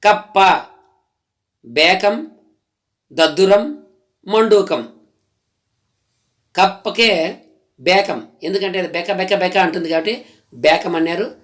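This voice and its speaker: A man gives a slow, careful grammar lesson with a slightly high voice. He names each word on its own, then stops to explain what it means. His tone stays patient and steady from start to finish. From Telugu-speaking region of India. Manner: lists words one by one, explaining each patiently. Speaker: Telugu grammar teacher.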